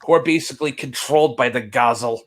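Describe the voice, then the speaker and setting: A man's voice: mid-range voice, fast, fairly bright tone. A man guest on a casual online podcast, talking eagerly as a fan and swearing casually.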